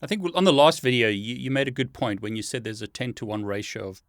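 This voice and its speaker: Male interview host, middle pitch, dry close recording, friendly question style. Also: fairly quick, no echo. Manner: friendly, asks questions with light laughter. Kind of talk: casual interview.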